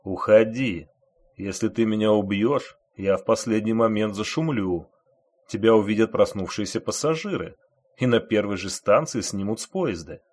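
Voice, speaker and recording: A man voicing a calm, composed male inspector who speaks quietly and evenly, in an audiobook. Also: on the low side, moderate pace, close to an everyday voice. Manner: quiet, level, controlled. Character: calm, composed male inspector, unshaken even when wounded.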